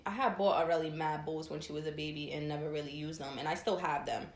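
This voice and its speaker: A woman co-hosting a podcast in casual chat, blunt and quick to act out her daughter's voice. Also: sits low, steady tone, reverberant. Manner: blunt, acts out her child's voice. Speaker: podcast co-host.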